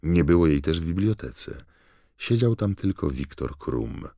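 Guy narrating an audiobook, super deep gravelly voice, dry close sound. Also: sing-song, warm tone, dry recording. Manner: measured storytelling. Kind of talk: scripted narration.

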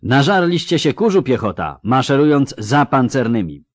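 A crude, sarcastic commander, put on by a male audiobook reader, barks insults and orders at his troops. The voice sits well above the reader's own, loud and pushing. It is recorded dry and close. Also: mid-range voice, big pitch swings, moderate pace, no room sound, pitched above the performer's own voice, natural voice. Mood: mocking. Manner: mocking, coarse, barking orders. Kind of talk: audiobook character voice.

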